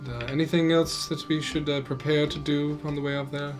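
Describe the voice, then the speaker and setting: A man's voice: fairly high pitch, little pitch movement, a little fast. Joking male player over music. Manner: upbeat, joking banter. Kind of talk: casual tabletop play.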